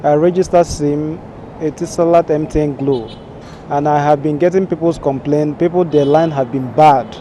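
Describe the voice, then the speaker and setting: Very dark-voiced man. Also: on the high side, fairly even intonation, normal speed, slight background noise. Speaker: SIM registration agent.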